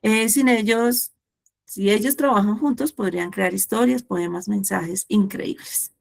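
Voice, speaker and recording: A woman teaching an online class over a video call, her voice sitting at an ordinary middle pitch. She explains step by step and turns the lesson into a little storybook tale, listing examples one by one for her students. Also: measured pace, creaky. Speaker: Spanish teacher.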